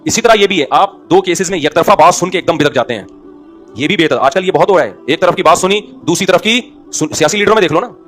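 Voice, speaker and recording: Brisk, wry male preacher. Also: high voice, expressive, fairly bright tone, faint music behind. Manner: anecdotal, with rhetorical questions to the audience; wry, joking asides. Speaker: Islamic scholar and preacher. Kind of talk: conversational sermon.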